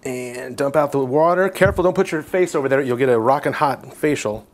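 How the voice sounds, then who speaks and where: A man's voice: medium pitch, fairly quick, slight background noise. A young man hosting a homemade cooking show, talking casually and joking as he walks through a recipe. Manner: laid-back, jokey, talks while cooking.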